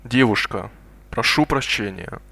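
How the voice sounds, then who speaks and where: A man modeling pronunciation for a language course, saying each phrase slowly and deliberately twice. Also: mid-range voice, lively intonation, vocal fry, sharp tone, dry recording. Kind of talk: slow repeated pronunciation drills.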